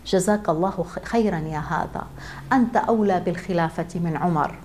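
A woman's voice: on the low side, brisk, a little mellow, slight background noise, close to an everyday voice. A woman storyteller voicing a poor, weary mother stranded in the cold, speaking plaintively and with reproach.

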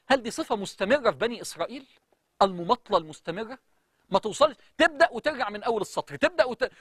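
A man's voice: very high voice, a bit bright, no echo, studio quality. A man preaching in Egyptian Arabic, telling a story with dramatic recitation of verses. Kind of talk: lively religious talk.

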